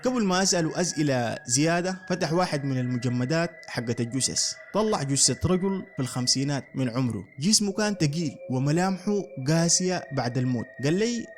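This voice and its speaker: Brief: male narrator, higher voice, rapid dramatic horror storytelling, faint music under him. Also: expressive. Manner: dramatic first-person storytelling.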